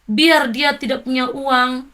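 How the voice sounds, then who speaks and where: A middle-aged woman, softly and reflectively telling an interviewer about her late son. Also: high-pitched, steady tone, slow pace. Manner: soft, grieving, reflective storytelling. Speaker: interviewee, mother of a fallen soldier. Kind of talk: emotional interview recollection.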